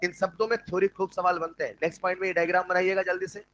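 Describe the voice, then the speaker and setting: A man teaching chemistry in an online class, with an Indian accent when he switches to English, who dictates notes slowly and jokes with his students. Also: sits high, little pitch movement, a bit bright, rough recording. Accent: Indian English mixed into Hindi.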